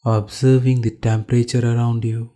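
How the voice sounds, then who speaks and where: Calm and unhurried, an Indian-accented man guides listeners through meditation in his role as a yoga instructor. He uses a mid-range voice and breaks his short instructions with pauses.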